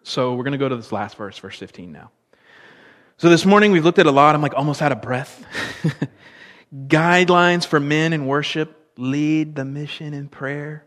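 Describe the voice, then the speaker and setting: Male pastor, sermon, animated delivery, slightly high pitch, big reverberant hall. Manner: animated preaching with big swings in loudness, slowing for emphasis. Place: church worship hall. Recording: long reverb of a large hall.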